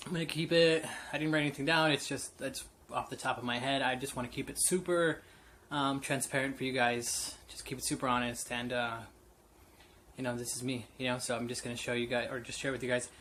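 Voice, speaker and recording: A man in his late twenties, a vlogger, talks a little fast in a steady, fairly bright medium-pitched voice as he tells an unscripted personal story to camera. He's candid and rambling, with many fillers and restarts, and slight background noise can be heard.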